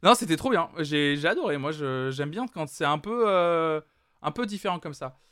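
A man's voice: on the high side, animated, normal speed, bright, forceful tone, no echo, studio quality. A man hosting a live music stream, chatting casually with lots of hesitant fillers. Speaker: streaming music show host.

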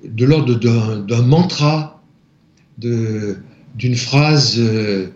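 A man from France, an interview guest, softly recounting a personal spiritual experience, halting and searching for his words. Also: mid-range voice. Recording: echoey, slightly dull room recording.

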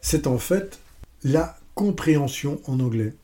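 A man's voice: a little high, takes it slowly. A man presenting a business lesson step by step, with playful, self-mocking asides. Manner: steady step-by-step explaining.

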